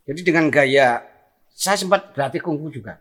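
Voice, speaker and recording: Animated Javanese-accented storyteller man. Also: on the high side, moderate pace. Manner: animated storytelling with sound effects. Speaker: guest telling a tall tale. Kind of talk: casual chat.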